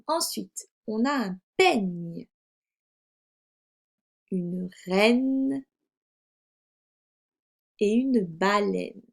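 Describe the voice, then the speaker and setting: A woman teacher giving a recorded phonics lesson to young children, articulating slowly and carefully. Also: medium pitch, expressive, gravelly. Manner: slow, careful, over-articulated delivery. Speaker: primary school teacher.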